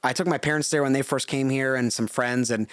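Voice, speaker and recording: Fast-talking man from Connecticut, chatty. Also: mid-range voice, steady tone, a bit bright, no room sound, studio quality. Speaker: tourism director. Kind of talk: podcast interview.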